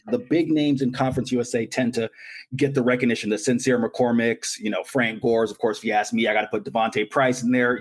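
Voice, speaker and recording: Male co-host, slightly husky mid-range voice, eager football analysis. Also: medium pitch. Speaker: podcast co-host. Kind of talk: casual sports talk.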